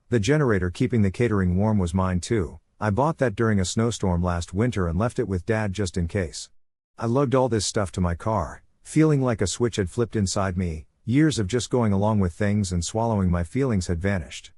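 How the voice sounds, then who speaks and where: A man narrating a first-person story in a steady, even way with dry asides. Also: fairly low pitch, moderate pace, dry recording.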